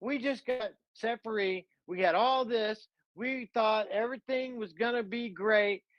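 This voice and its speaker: A man's voice: high-pitched, a little slow, no echo, highs cut off, voice pushed up. A man voicing frightened Israelites trapped at the sea, talking in a frantic, pleading way. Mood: panicked. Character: panicked fleeing Israelite crowd, frightened people.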